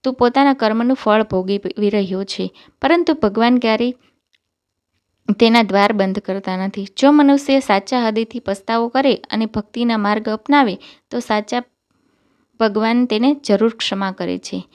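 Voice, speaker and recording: A woman voicing a compassionate old male sage who gently gives instructions in a devotional storybook tale. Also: fairly high pitch, moderate pace, smooth, natural voice.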